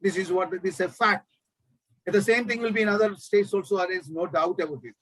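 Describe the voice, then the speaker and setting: A professor speaks at a press conference in a high voice. He is impassioned and presses his points with rhetorical questions and frequent restarts. The sound is dry and close, with no room echo. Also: fairly quick, a bit bright. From Kerala, India.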